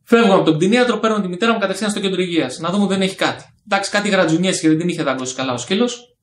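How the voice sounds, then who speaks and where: A man telling a personal story casually, acting out the dialogue with lively energy. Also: sits high. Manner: animated, acts out quoted dialogue. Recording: echoey room with faint background noise.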